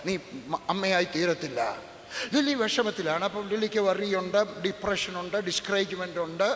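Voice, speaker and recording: A man from Kerala delivers an emphatic, repetitive sermon in a fairly high voice, dropping in humorous asides. He is recorded in a church hall with a long, roomy reverb and a faint hiss behind him. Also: normal speed, a bit bright. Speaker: preacher.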